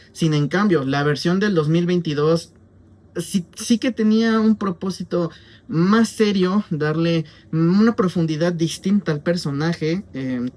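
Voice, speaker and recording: A man's voice: fairly high pitch, darkish tone. A young Mexican man with a Mexican Spanish accent, reviewing a film in a chatty, rambling way full of fillers. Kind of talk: casual spoken film review.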